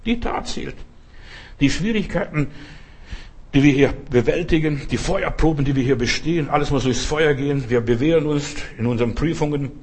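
Man, preacher, sermon, husky voice, emphatic, speaks straight to listeners. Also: on the high side, moderate pace, a little mellow. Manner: emphatic, addresses listeners directly.

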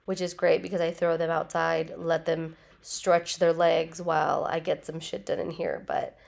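A woman's voice: low voice, little pitch movement, normal speed, gravelly, darkish tone. A woman hosting her own podcast from home in a casual, rambling way, swearing freely and saying "like" a lot, her nose still stuffy and her voice just back after a cold. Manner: chatty, swears freely, leans heavily on "like". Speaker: podcast host. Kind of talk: casual solo podcast chat. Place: at home with her dogs nearby.

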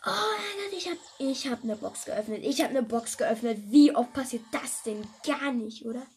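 A woman giving casual, chatty let's-play commentary to her viewers, excitable and joking, sometimes dropping to a whisper. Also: fairly high pitch, normal speed, slight background noise. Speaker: gaming video creator.

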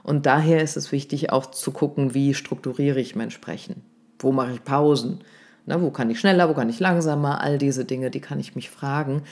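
Lively German-speaking voice coach. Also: mid-range voice, normal speed. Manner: explanatory, lively, demonstrates stresses with exaggerated emphasis; uses fillers like "ne?" and "ja?". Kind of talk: casual podcast conversation.

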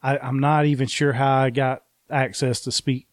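A man's voice: mid-range voice, level tone, normal speed, dry recording, studio quality. A man in his thirties telling his own story in frank, plainspoken casual talk, swearing now and then. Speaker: guest, army veteran. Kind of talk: candid conversational storytelling.

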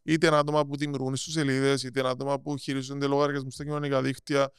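Very clear-voiced Cypriot Greek man explaining. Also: medium pitch, level tone, no room sound, clean studio sound. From Cyprus. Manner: halting, repeats words as he explains. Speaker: podcast guest, marketing strategist. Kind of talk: casual interview conversation, explaining.

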